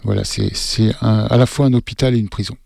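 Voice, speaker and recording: A man hosting a radio show, talking haltingly with many fillers and restarts. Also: lowish voice, fairly even intonation, creaky, a little mellow, no echo, clean studio sound. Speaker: radio host. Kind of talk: hesitant talk radio commentary.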